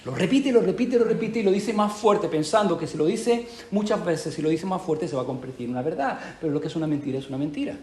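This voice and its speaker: A man preaching a sermon in church, animated, with rhetorical questions and emphatic repetition. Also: a little high, fast talker, hardly any pauses. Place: church hall. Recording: echoey church hall.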